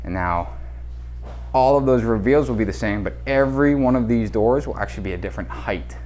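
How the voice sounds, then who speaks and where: A man walks a renovation job site of bare indoor rooms, filming on a head-mounted action camera and casually explaining construction details he points to. He talks a little fast in a medium-pitched, darkish voice, with slight background noise.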